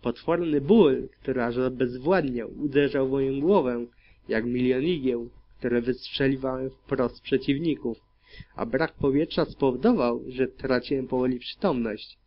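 A man narrating dark fan fiction in the first person as an audiobook, reading in a grim, steady manner. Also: medium pitch, a little slow. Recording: dull lo-fi recording.

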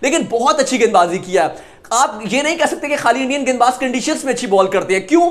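A young man gives an animated, opinionated cricket analysis, gesturing as he talks in a small indoor room. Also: extremely high pitch, fast talker. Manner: animated, gesturing with his hands. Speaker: cricket vlogger.

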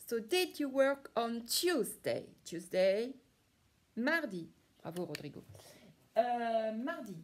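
Slow, encouraging woman teaching young children. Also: a little high. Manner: slow, clear and encouraging, praising pupils by name. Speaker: primary school teacher. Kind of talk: recorded class lesson for young children.

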